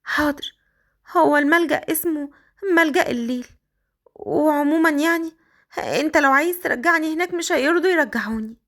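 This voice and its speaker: A woman with an Egyptian accent voicing a timid young orphan girl who pleads in a quick, anxious way. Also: high-pitched, a bit bright, voice pushed up. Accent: Egyptian Arabic.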